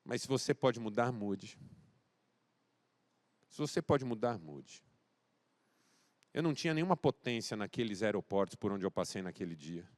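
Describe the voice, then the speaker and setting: A male pastor from Brazil preaching a sermon, swinging between loud exhortation and quiet, intimate address, acting out dialogue as he tells a story. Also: on the low side, animated, moderate pace, long pauses.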